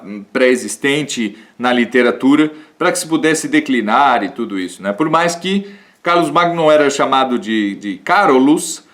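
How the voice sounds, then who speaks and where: A man's voice: mid-range voice, a bit bright. A man from Rio do Sul giving a live-streamed lecture on classical rhetoric. He thinks aloud, restarts sentences and adds tag questions often.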